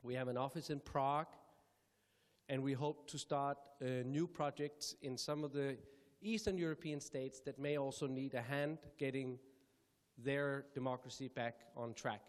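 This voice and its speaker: A man's voice: mid-range voice, steady tone. Man from Denmark speaking in an echoey lecture hall. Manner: measured, careful phrasing with occasional self-corrections. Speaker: speaker introducing a public lecture. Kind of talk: formal opening remarks at a lecture.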